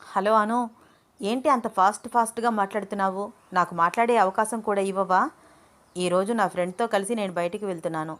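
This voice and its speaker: A woman's voice: mid-range voice, fairly even intonation, fairly quick, fairly bright tone, close to an everyday voice. A woman voicing a confident young man who teases and bosses a younger student. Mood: teasing. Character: confident young male teacher, teasing.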